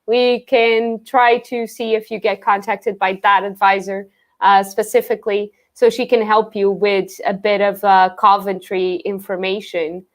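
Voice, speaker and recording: A young woman from Portugal, hosting a live Q&A in a chatty way full of "like" fillers. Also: medium pitch. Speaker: host. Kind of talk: live Q&A chat.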